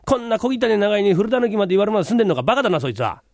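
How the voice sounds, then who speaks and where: Guy doing a rough edo tough, high lively gravelly voice, heckles fast. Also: no echo, clean studio sound. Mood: brash. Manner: rough, quick-tempered, heckling. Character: brash hot-headed Edo tenant man, impatient. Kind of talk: rakugo storytelling.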